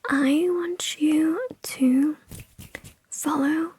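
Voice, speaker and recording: A woman whispering ASMR instructions in a breathy, mostly unvoiced voice, repeating short phrases and words over and over. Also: high-pitched, steady tone, very slow, darkish tone. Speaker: ASMR creator. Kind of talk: ASMR, whispered instructions in a playful focus test.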